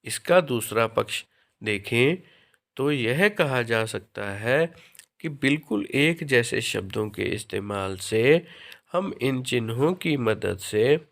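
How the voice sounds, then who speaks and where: A man teaching a grammar lesson to children, explaining slowly and deliberately. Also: mid-range voice, creaky, fairly bright tone.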